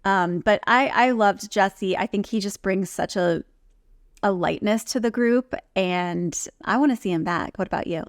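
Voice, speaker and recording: A woman's voice: medium pitch, measured pace, no echo, clean studio sound. A woman co-hosting a reality TV recap in casual, conversational commentary, often slipping into reported speech. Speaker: podcast co-host recapping reality TV.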